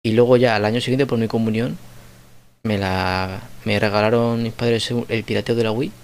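A man's voice: lowish voice, steady tone, normal speed, smooth. A young man, chatting casually as a podcast co-host and telling a long, rambling story full of fillers. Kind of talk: casual chat.

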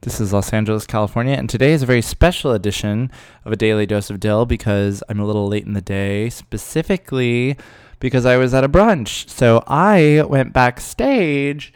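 A man's voice: mid-range voice, animated, moderate pace, clean tone. A man hosting a casual vlog, talking playfully as he introduces things and interviews drag performers. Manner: playful, echoes guests' answers. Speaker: podcast host and interviewer.

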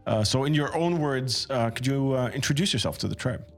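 A man hosting a casual podcast interview, halting and repeating words as he phrases his thoughts. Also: medium pitch, faint music behind. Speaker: podcast host.

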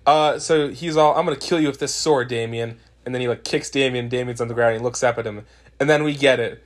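A man co-hosting a casual podcast, sarcastically recapping a movie and mocking its characters in quick quoted asides. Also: mid-range voice. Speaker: podcast co-host. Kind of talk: casual chat.

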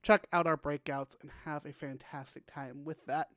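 A man's voice: on the high side, fairly even intonation, normal speed, fairly bright tone, dry recording. A man hosting a casual podcast, upbeat and rambling with plenty of fillers. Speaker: podcast host.

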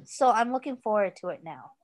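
A woman's voice: medium pitch, a little fast. A woman co-hosting a podcast, chatting casually with small restarts. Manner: relaxed, hesitant restarts. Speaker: podcast co-host. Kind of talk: casual chat.

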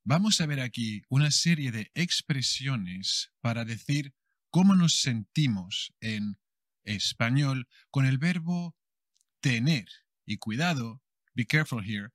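A young man from Spain with a Castilian accent teaches a bilingual Spanish lesson at an unhurried, deliberate pace. He acts out little everyday scenes with plenty of expression. The recording is dry and close, with no room sound. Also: mid-range voice, lively intonation, a bit bright, no room sound.

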